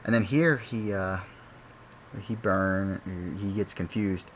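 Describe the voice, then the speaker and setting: Young man, deep voice, chatty rambling game commentary over a faint background hiss. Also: takes it slowly, low-quality recording. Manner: rambling, self-correcting, chatty. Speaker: gaming commentator.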